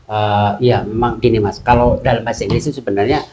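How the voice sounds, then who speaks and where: A man who writes and teaches English, talking in a casual interview, relaxed and repeating his words. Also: on the low side, fast talker, muffled recording, slight background noise. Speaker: English teacher and book author.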